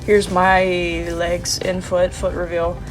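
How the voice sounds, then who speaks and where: Showing her sketchbook in a casual vlog, a young woman in her twenties chats playfully and uses lots of slang, though her nose is stuffed and sniffly. She speaks slowly in a fairly low, flat voice. Faint music sits in the background.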